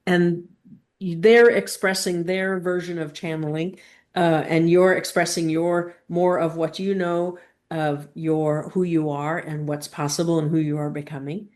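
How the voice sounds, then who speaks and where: Leading a spiritual lesson, this woman speaks deliberately and haltingly, stressing points with pauses and posing guiding questions. Her pitch sits fairly low, her delivery is flat, and the sound is slightly mellow.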